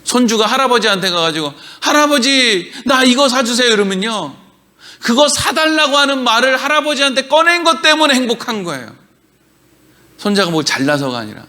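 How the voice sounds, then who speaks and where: Male pastor, church sermon; very high, bright, forceful delivery, mimics prayers mockingly. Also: animated, a little fast. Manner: emphatic, acts out prayers in mocking voices.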